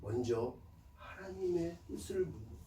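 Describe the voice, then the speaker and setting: Male pastor, high-pitched, emphatic preaching, distant mic in a reverberant church. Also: animated, measured pace, a little hiss or hum. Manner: emphatic call-and-response preaching, swelling loud then dropping soft. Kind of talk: sermon. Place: church sanctuary.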